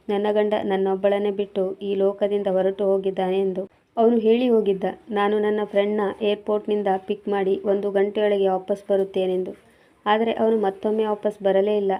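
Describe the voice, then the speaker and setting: Flat-voiced woman narrating a story. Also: mid-range voice, fairly quick. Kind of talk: first-person story narration. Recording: tinny phone-like sound.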